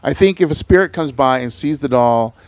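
A man's voice: medium pitch, expressive, fairly quick, no echo. Laid-back man with a dry sound. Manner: laid-back storytelling, slangy. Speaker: podcast host. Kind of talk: casual chat.

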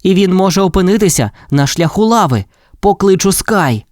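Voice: medium pitch, expressive, normal speed, a little mellow, dry recording, clean studio sound, pitched above the performer's own voice, natural voice. A storyteller voicing a brave, cheerful boy who leads a team of rescue puppies in an audio fairy tale. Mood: urgent. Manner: cheerful, commanding.

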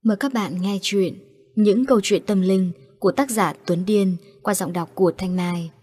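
A woman, narrating horror stories in a calm, matter-of-fact way. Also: medium pitch, moderate pace, breathy edge. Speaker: storyteller.

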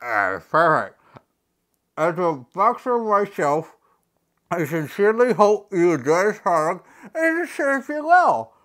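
A woman's voice: on the low side, big pitch swings, takes it slowly. A woman hosting a casual unboxing vlog, talking with a mouthguard in, playful and jokey as she reads instructions aloud. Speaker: unboxing video host.

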